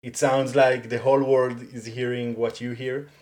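In a relaxed interview, a Hebrew-first guest talks in Israeli-accented English at a medium pitch. They come across animated and quick to laugh, often saying "like" and starting sentences over.

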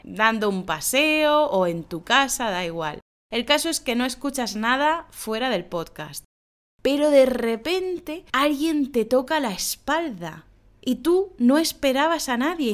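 A woman hosting a casual podcast lesson, laughing often and acting out example phrases. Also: fairly high pitch. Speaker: Spanish teacher, podcast host.

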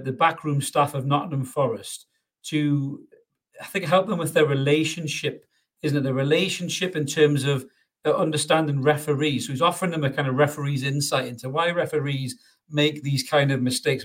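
A man's voice: fairly high pitch, normal speed, a bit bright. A man hosting a casual football podcast, chatty, laughing often and swearing freely. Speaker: podcast host.

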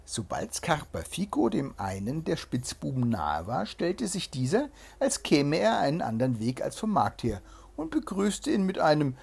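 A storyteller reading an old tale aloud to a child, with a breathy voice and expressive delivery. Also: mid-range voice, normal speed, few pauses. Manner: expressive, lively read-aloud.

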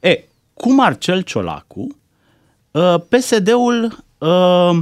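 Indignant man, animated political commentary. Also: sits high, no echo, studio quality. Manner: indignant, rhetorical questions, animated. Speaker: journalist commentator on a talk show. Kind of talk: heated political talk-show commentary.

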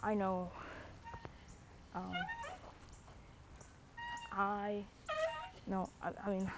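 She draws out her words, her medium-pitched voice moving little in pitch, as this young woman chats on stream. Her rambling is packed with fillers and "bro" and "dude" slang, and the dull lo-fi mic picks up clear background noise.

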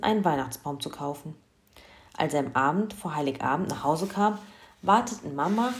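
A woman reading a children's Christmas story aloud in a lively, expressive way. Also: low-pitched.

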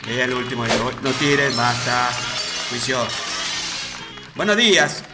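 A man's voice: mid-range voice, animated, measured pace, natural voice. A man playing a corny Sicilian comic who explains his own puns in a mock-Italian manner. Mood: joking. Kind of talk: comedy sketch. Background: music.

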